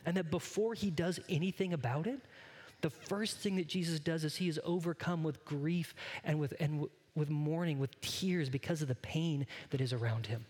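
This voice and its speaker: A man's voice: on the high side, moderate pace, darkish tone, long reverb tail. A man pastor giving a sermon, earnest and conversational, often turning to speak straight to his congregation. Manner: conversational, earnest preaching that addresses the congregation directly.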